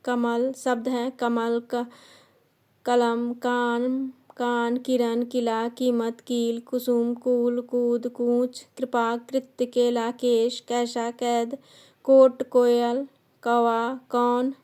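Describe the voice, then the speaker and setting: A woman teaching a grammar lesson, slowly dictating definitions and listing sounds and example words one by one. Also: on the high side, completely flat delivery, dark tone, smooth. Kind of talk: slow classroom grammar lesson.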